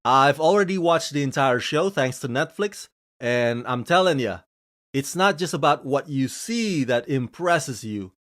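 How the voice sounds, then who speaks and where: A man's voice: animated, unhurried, a bit bright. A man from Indonesia hosting his own channel, delivering a scripted series review with gushing, emphatic enthusiasm. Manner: gushing, emphatic delivery with frequent swings in pitch and pace. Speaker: film reviewer and channel host.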